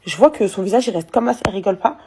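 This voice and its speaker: A woman's voice: medium pitch, rapid-fire, a little hiss or hum. A young woman influencer telling a gossipy storytime straight to her viewers. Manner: animated gossipy storytelling, addresses the viewers directly. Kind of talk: storytime vlog.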